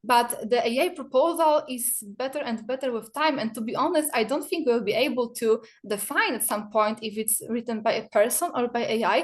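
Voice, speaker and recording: Speaking quickly with hardly a pause, this Polish woman has a fairly high-pitched voice. She's a PR association board member taking questions on an online panel by video call, and her answers are thick with fillers and restarts.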